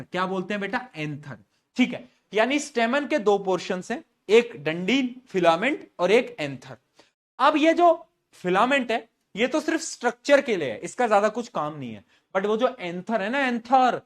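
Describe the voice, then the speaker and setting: A man's voice: high-pitched, a bit bright. A man teaching a live online science class, joking with his students and answering his own quiz questions. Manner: playful, joking, quizzing students and answering himself.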